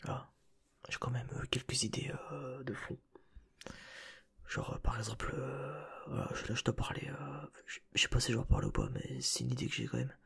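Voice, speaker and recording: A man's voice: medium pitch, very animated, normal speed, creaky, a bit bright, husky. A man whispering right in your ear in a casual, rambling ASMR chat, speaking informally and directly to the listener on a close binaural mic. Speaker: ASMR video creator and host. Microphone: close binaural microphone.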